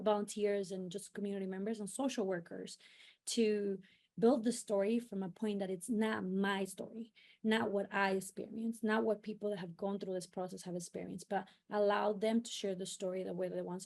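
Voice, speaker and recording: Speaking on a panel, this youth civic organizer from New York City has a warm voice of medium pitch. Her answers are earnest and explanatory, though broken up by frequent fillers and restarts.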